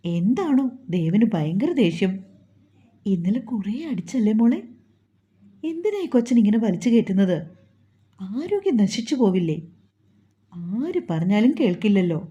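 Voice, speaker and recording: A woman's voice: medium pitch, big pitch swings, moderate pace, long pauses, warm tone, muffled recording, natural voice. A woman doing a fussy, caring older helper. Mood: gossipy.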